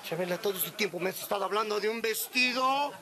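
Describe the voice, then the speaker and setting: A man's voice: high-pitched, fast, a crowd in the background, close to an everyday voice. A man with a Mexican accent playing a weary, flustered parish priest who keeps pleading and shooing someone away in a comedy sketch. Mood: patient. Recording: noisy, distant live recording.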